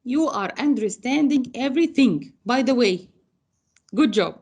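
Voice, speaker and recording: A woman with an Egyptian Arabic accent tutors science over a video call in an online lesson, patient and coaxing as she mixes Arabic and English. Her voice is on the high side, expressive and husky with a darkish tone, and she draws out her words.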